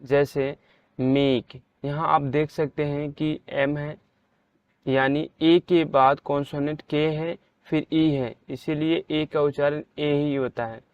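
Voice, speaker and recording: A man teaching English pronunciation in a slow, deliberate way, saying each example word out loud with strong stress. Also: fairly high pitch, fairly even intonation, clear, resonant tone, highs cut off. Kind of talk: slow spelled-out pronunciation lesson.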